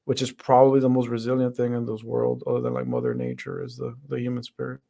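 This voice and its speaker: A man's voice: medium pitch, quick pace, gravelly, dark tone. A man from the Dominican Republic, a guest on an interview podcast, talking in an earnest, reflective way with many restarts and fillers. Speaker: podcast guest, center director. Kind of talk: interview conversation.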